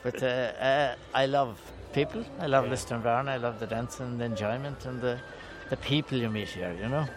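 A man's voice: medium pitch, fairly even intonation, normal speed, few pauses. A man, chatting casually as an interviewed festival-goer. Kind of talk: casual chat.

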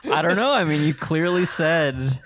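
A man chatting casually as a podcast guest, wry and relaxed. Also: a little high, normal speed, over a noisy crowd. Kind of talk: casual group chat.

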